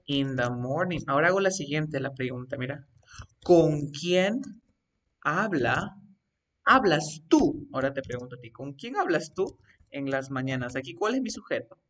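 A man's voice: medium pitch, a bit bright, recorded from a distance. A man teaching an English grammar lesson, coaxing his students step by step with repeated questions. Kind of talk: live online grammar lesson.

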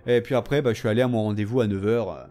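A tired man casually commenting on his own game, excitable and talking to himself and his opponent. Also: on the low side, fast. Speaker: gaming video host.

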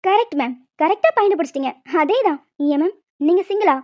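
A woman voicing a chatty, nosy college staffer in a cartoon, gossipy and cheeky, lower than her other voices. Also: expressive, fast, no room sound. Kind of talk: cartoon voice dubbing. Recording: dull dry lo-fi sound.

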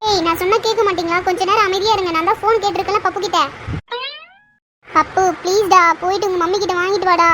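A woman's voice: very high voice, steady tone, quick pace, background noise. Woman voicing a caring cartoon big brother. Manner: soothing, bossy at times. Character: boy Raju, calm caring older brother.

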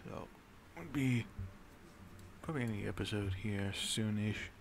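Low-voiced man narrating a grim game story. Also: a little slow, vocal fry, noisy background. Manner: rambling, swears casually, brooding dramatic storytelling. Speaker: game streamer. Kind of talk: in-character narration of a strategy game.

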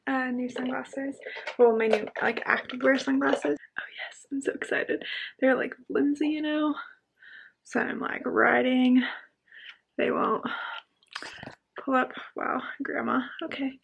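A woman's voice: sits high, a little slow, vocal fry, pauses often, slight background noise, low-quality recording. A young woman vlogging casually to a handheld camera outdoors, bubbly and giggly, with many "like" fillers. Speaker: travel and fitness vlogger. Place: outdoors at a lake and in the mountains.

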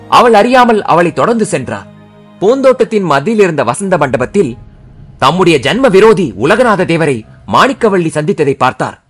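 A man narrating a historical novel as an audiobook, reading in an expressive, dramatic way. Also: high voice, slightly rough.

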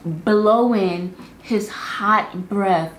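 Chatty young woman doing a beauty vlog, kinda roomy echo, faint background hum. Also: medium pitch. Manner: bubbly, chatty, fast asides. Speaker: beauty vlogger. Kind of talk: casual sponsored product talk to camera. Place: home filming studio, indoors. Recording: roomy studio with faint ambience.

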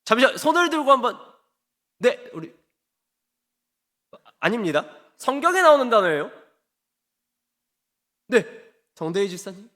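A high, bright-toned male pastor preaches in a sanctuary with a long, ringing reverb. His delivery is animated and chatty, and his pitch swings widely as he acts out quoted lines and puts questions to the congregation. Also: a little slow, long pauses. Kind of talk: Wednesday evening sermon with audience quiz. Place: church sanctuary. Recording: long church hall reverb.

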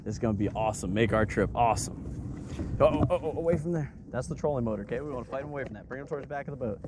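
On a small boat out on open water, an excited dad with a mid-range male voice coaches his kids on fishing, firing off quick instructions and repeating them. He's filming casually, and the boat's action camera catches wind and boat noise.

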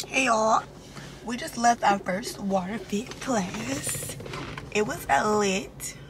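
In her twenties, this female vlogger speaks at a slow pace in a fairly high voice, chatting informally with her viewers. She films indoors in a parked car and a room at home, with the camera held at arm's length or propped close, so the audio picks up noisy ambient sound.

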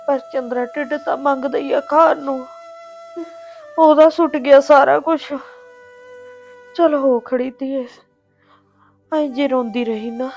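A woman's voice: high-pitched, dull audio. An actress playing a grieving mother who weeps and consoles her family in a short drama. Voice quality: tearful, wailing lament. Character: grieving middle-aged mother, tender and weary. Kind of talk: emotional village drama acting.

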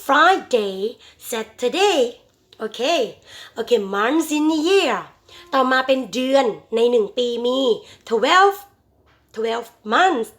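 A woman's voice: high-pitched, lively intonation, a bit bright. A woman teaching English vocabulary in a bilingual lesson, repeating each word for her students and addressing them fondly as children. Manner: drills vocabulary with slow, stretched repetition.

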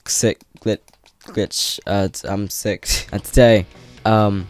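A man's voice: lowish voice, fairly even intonation, slow pace. A man with a stuffy, congested voice from a cold, giving rambling, hesitant casual commentary as he plays a game on his channel. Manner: rambling, hesitant, laughing often. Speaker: gaming channel host. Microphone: desk microphone set to high sensitivity. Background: game music.

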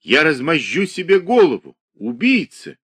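A man voicing an agitated, rebellious male asylum patient who shouts indignantly in an audiobook reading. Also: lowish voice, very animated, slow, breathy edge, no echo, exaggerated voice. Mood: despairing.

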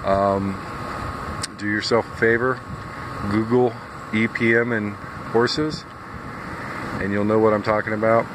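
A man with a somewhat low voice speaks at an unhurried, drawn-out pace, walking a fence line outdoors. He is plain-spoken and folksy, chatting directly to viewers about trapping. The phone recording carries a clear, steady background noise. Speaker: nuisance wildlife trapper. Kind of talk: casual outdoor video walkthrough. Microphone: handheld phone camera.

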